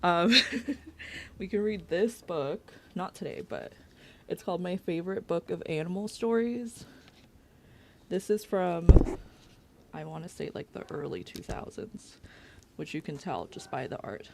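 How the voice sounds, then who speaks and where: Over some background noise, a streamer talks in a fairly low, animated voice with vocal fry, pacing herself a little slowly. She is a young woman working at her home setup and chatting loosely on a livestream, rambling with lots of fillers while slightly out of breath.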